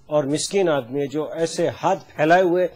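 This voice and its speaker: A man with a somewhat high voice speaks as a lawyer on a political talk show. He talks emphatically and stacks up repeated phrases to drive each point home. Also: darkish tone. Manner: emphatic, repetitive. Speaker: lawyer guest. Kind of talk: political debate.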